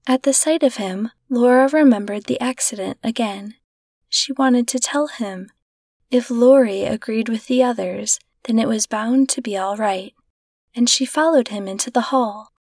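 A woman narrating a classic short story in a gentle, measured reading voice. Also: a little high, dry recording. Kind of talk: scripted narration.

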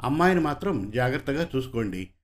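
A sober, protective passer-by from an audio serial story, giving quiet, firm warnings. A man reads his lines in his plain mid-pitched voice, barely changed. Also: quick pace, close to an everyday voice. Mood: cautioning. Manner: steady, cautioning. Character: calm, protective middle-aged man, a passer-by.

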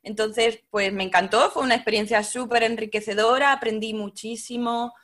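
A woman's voice: fairly high pitch, fairly even intonation, normal speed, fairly bright tone. A woman, a teacher speaking as a podcast guest, thoughtful and often hesitating. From Spain. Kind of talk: casual interview talk.

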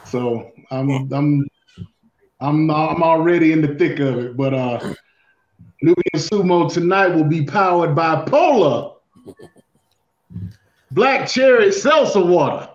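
A man with a fairly high voice chats casually as a co-host. The recording is roomy and a little dull, with lo-fi sound. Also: animated, takes it slowly, pauses often. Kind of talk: casual banter.

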